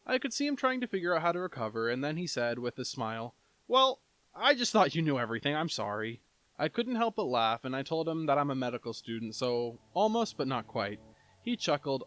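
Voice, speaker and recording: Lively man reading stories aloud. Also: mid-range voice, a little fast. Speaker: YouTube story narrator. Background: soft chill background music.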